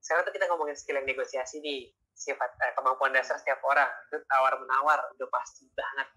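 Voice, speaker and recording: A man's voice: medium pitch, steady tone, fast, sharp tone. A man giving a casual online sales lecture over a video call, chatty and constantly adding tag questions. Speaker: sales trainer. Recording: tinny video-call audio.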